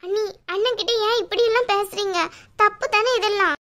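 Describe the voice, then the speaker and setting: A woman voicing a gentle, tearful young sister in a cartoon, speaking softly and pleadingly. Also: extremely high pitch, a little fast. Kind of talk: cartoon voice acting.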